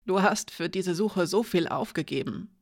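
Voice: mid-range voice, moderate pace, natural voice. A reader voicing Alina, a shaken young woman warrior. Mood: resigned. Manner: urgent, then quiet and defeated. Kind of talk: audiobook character reading.

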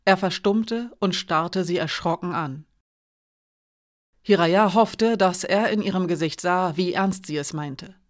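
A woman narrating an audiobook in a measured, expressive reading. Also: lowish voice.

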